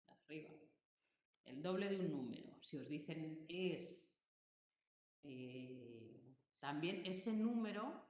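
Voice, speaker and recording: Brief: slow-paced woman math teacher, patient, in a roomy classroom on a dull lo-fi recording. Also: sits low, lively intonation, a little mellow. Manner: patient, explains step by step with frequent checks. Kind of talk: classroom lesson.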